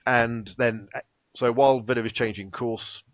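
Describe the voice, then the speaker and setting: A man chatting through a story recap in a relaxed, rambling way, with fillers and small laughs along the way. His voice sits at an ordinary pitch. The recording is dry and a little dull, like a home podcast mic. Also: a little slow, no room sound. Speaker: podcast co-host recapping an episode. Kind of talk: casual chat, episode recap.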